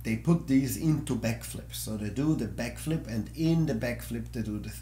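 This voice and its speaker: A man's voice: medium pitch, moderate pace, mellow. Man, German native speaker, from austria, podcast host, eager, restarts phrases, echoey room, faint hum. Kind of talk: casual podcast conversation.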